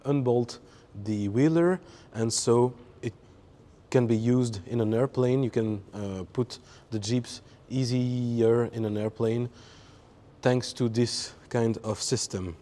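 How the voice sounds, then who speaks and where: Slow, halting man explaining a jeep. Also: medium pitch, fairly even intonation, warm tone. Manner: halting, searching for words with many fillers. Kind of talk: explaining a vehicle exhibit.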